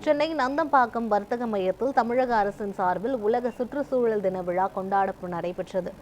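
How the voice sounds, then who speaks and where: A woman reading a news report in a formal, even newsreader style. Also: fairly high pitch, moderate pace, dull audio. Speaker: news reader. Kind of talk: scripted news narration.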